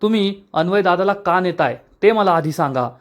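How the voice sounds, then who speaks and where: A man voicing a calm, firm young husband who questions politely but insistently. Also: high-pitched, moderate pace.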